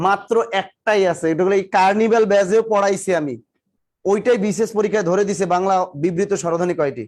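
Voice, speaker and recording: A man's voice: sits high, quick pace, darkish tone. A male teacher giving a live classroom lecture, drilling students with repeated questions and teasing or scolding them. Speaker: exam coaching teacher.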